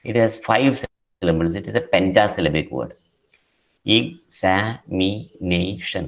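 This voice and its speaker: A man with a Malayali English accent giving an online lecture, explaining slowly with many fillers and switching into Malayalam. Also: low-pitched. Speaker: English teacher.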